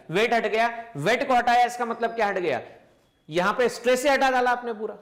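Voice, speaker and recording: A man teaching physics in a recorded lesson. He asks questions and answers them himself, repeats key phrases, stretches words out slowly and mixes English terms into his explanation. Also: high-pitched, fairly bright tone.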